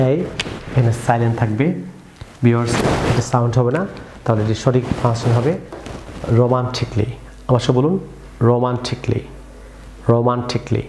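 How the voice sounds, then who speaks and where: A man teaching English pronunciation in a YouTube tutorial, often calling out to viewers and leading repetition drills. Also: mid-range voice. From Bangladesh. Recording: echoey room, faint ambient noise.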